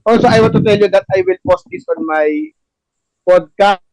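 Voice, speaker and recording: In a poor-quality recording with no room sound, a high-pitched, slightly mellow man narrates a play reading and chats with the cast as the podcast's host. He speaks in halting, repetitive, non-native phrasing.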